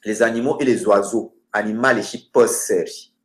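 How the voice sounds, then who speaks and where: A man teaching grammar through lists of words, hesitating often and slowing down for each example. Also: fairly low pitch, fairly even intonation. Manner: hesitant, many filler sounds, slows down for example words. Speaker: language teacher. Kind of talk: explaining grammar with word lists. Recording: roomy echoey room.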